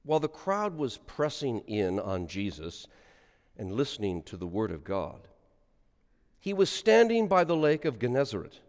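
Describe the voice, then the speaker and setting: A middle-aged man, a priest, reading the gospel and preaching a homily with a lively delivery that rises on quoted lines, heard in a large church with a long cathedral echo. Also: mid-range voice, normal speed. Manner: lively sing-song delivery, rising on quotes.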